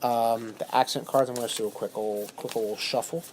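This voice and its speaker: A woman's voice: very deep voice, steady tone, brisk, background noise. A woman hosting a podcast game night, explaining rules in a rambling, self-amused way. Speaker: podcast host, game judge. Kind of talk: casual podcast chat.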